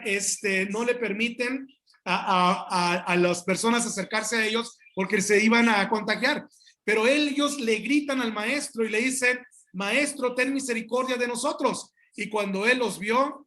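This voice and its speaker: A man pastor preaching a sermon, emphatic and addressing the congregation directly, with halting restarts and asides. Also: sits high, bright, forceful tone.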